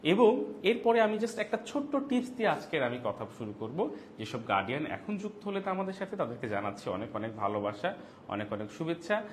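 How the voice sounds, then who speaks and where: A man with a Bangladeshi Bengali accent hosts a live parenting talk, acting out quoted lines with a lively delivery. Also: on the high side, a little fast, a little hiss or hum.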